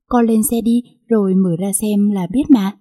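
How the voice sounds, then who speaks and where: A woman voicing a gentle, hardworking poor father who speaks tenderly and reassuringly to his daughter in a storybook reading. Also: mid-range voice, steady tone, moderate pace, close to an everyday voice.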